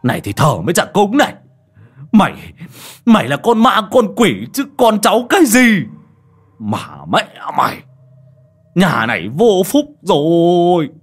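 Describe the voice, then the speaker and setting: A woman's voice: fairly low pitch, wildly swooping pitch, unhurried, breathy edge, soft background music, full character voice. A woman voicing a furious old village father who curses angrily in a horror audiobook. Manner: angry cursing.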